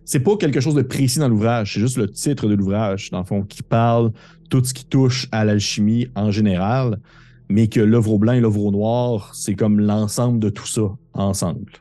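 Québécois guy running a tabletop game, mellow dark voice, rambles and trails off with lots of euhs. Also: fairly low pitch. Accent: Québécois French. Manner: rambling, halting explanations full of fillers. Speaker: game master.

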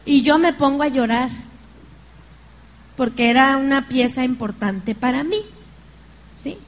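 A middle-aged woman with a Mexican accent preaching a sermon, telling stories in a lively way and often laughing with her congregation. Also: high voice, unhurried.

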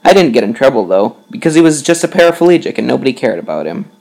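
A man telling a dark comedy story in the first person, deadpan and matter-of-fact. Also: mid-range voice, fast talker, gravelly, rough recording. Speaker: comic storyteller.

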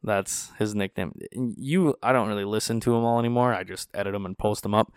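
A podcast host from North Dakota speaks a little fast in a lowish, clean voice, recorded dry on a studio podcast mic in a small studio. Chatting casually, he tells stories and animatedly acts out the voices of the people he quotes.

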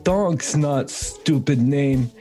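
A man voicing a huge, dim-witted male orc who talks slowly in simple, broken sentences. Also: mid-range voice, warm tone, faint music behind, pitched above the performer's own voice. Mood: offended. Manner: slow, simple broken speech.

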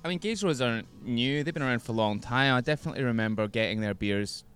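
A man appearing as a podcast guest, giving measured, thoughtful opinions about beer in casual chat. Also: medium pitch, fairly bright tone, smooth, faint music behind.

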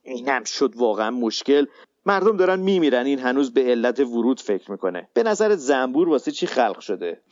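A man playing an impatient, sarcastic group counselor in a radio sitcom, speaking brusquely with drawn-out hesitations. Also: medium pitch, sing-song, a little mellow, no echo, close to an everyday voice. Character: bossy impatient male counselor, middle-aged. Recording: slightly muffled, dry recording.

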